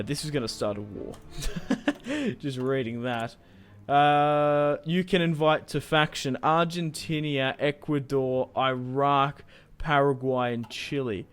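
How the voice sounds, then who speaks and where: With a fairly high, clean-toned voice, a young man on YouTube rambles chattily through a let's-play of a strategy game, cursing now and then.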